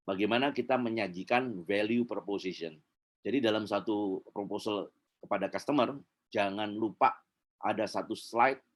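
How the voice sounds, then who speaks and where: Middle-aged male sales trainer, low-pitched, casual lecturing delivery. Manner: chatty, many fillers, acts out customer quotes.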